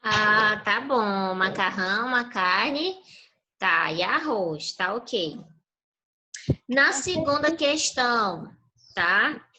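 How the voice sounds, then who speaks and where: A woman's voice: mid-range voice, expressive, very slow, sharp tone, poor audio. A woman teacher giving a patient online review class to young children over a video call, prompting them with fill-in questions.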